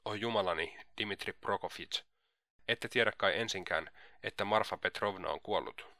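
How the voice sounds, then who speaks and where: A man's voice: on the low side, bright, forceful tone, no echo, studio quality. A man reading the lines of an anxious, fretful aging mother in an audiobook. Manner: fretful, pleading.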